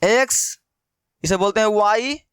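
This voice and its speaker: High-voiced, chatty male maths teacher. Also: unhurried, a bit bright, smooth, dry recording, clean studio sound. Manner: chatty, repeats questions to students, calls them brother. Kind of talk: casual Hindi maths lesson.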